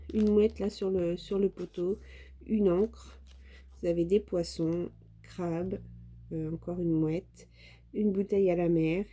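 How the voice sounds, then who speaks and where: With a lowish, gravelly and warm voice, this craft vlogger from France talks through her haul in a relaxed way. Her French-accented speech is halting, full of fillers and tripped-up words.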